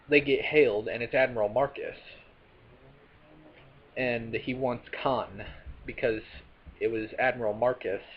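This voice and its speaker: A man talks through a movie's plot in a loose, rambling way, stumbling over fillers and correcting himself as he goes. His voice sits at an ordinary middle pitch. The recording is dull and lo-fi, with a faint hiss underneath. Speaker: film reviewer. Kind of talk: casual spoken movie recap.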